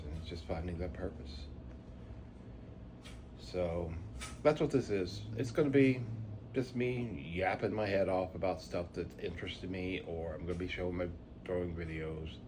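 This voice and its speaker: Middle-aged male vlogger, low register, toothless slurred diction with a speech impediment, unscripted reflective monologue over some background noise. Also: steady tone, moderate pace, pauses often. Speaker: vlogger introducing a channel. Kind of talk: unscripted reflective talk to viewers.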